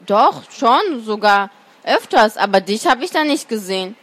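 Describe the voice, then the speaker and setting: A woman's voice: a little high, very animated, moderate pace, fairly bright tone. A woman reading a bold young boy hero.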